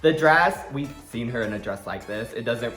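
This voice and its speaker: A man's voice: medium pitch, expressive, moderate pace, a bit bright. Campy guy chatting thru a review, sassy n slangy, echoey room w music. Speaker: co-host of drag show review. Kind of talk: casual chat, video review. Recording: roomy echo with music behind.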